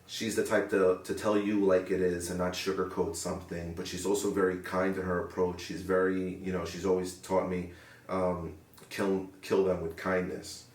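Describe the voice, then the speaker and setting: Deep-voiced young man, roomy distant sound. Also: flat delivery, normal speed, a little mellow. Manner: earnest, reflective, searching for words. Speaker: interviewee, paramedic. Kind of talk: sit-down interview.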